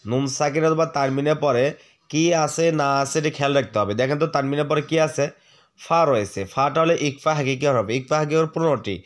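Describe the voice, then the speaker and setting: A man teaching the rules of Quran recitation, patiently spelling out each letter, asking the viewer questions and reciting words slowly for them to repeat. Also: medium pitch. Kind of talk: tajweed lesson, spelling out letters and drawn-out recitation.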